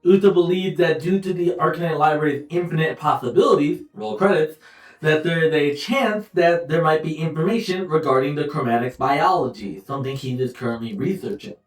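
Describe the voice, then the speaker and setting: A young man running a tabletop game, casually recapping and setting the scene in a loose, rambling way with frequent pauses and self-corrections. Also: a little high. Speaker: game master. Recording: roomy echo, distant mic, faint music behind.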